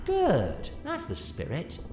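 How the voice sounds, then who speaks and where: A man's voice: a little high, wildly swooping pitch, slow, heavily acted. A man playing an eccentric, commanding alien adventurer in an audio drama, theatrically swinging between playfulness and grave authority. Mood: wry, stern. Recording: echoey sound with music underneath.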